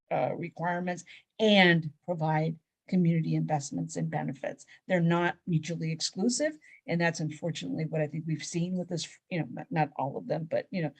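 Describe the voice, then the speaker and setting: A woman with a low, gravelly voice that often drops into fry. She lays out a policy point step by step in a measured, explanatory way, restarting her sentences often. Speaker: panelist. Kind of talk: panel discussion on a video call.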